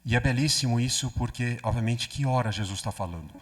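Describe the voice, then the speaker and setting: A priest gives a conversational teaching talk, often checking in with the group. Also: male voice, medium pitch, fairly quick. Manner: conversational, often asks listeners "né?". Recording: long hall reverb.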